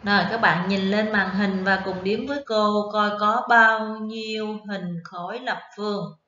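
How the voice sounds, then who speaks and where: A woman primary school teacher giving an online math lesson to first graders, counting aloud slowly and prompting the children to repeat after her. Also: mid-range voice, steady tone, pushed and bright, reverberant, dull audio.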